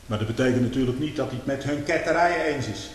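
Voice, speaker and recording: A man giving a sermon, swinging between loud emphatic declaiming and low conversational asides. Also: fast, a little hiss or hum. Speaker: preacher. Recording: reverberant hall.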